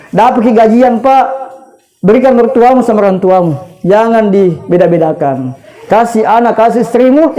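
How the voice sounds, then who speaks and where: A man's voice: very high voice, dark tone, low-quality recording. A man, giving a humorous condolence sermon and often turning to the audience with jokes. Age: 30s. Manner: joking, chatty, addresses the audience directly, laughs at his own stories. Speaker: preacher.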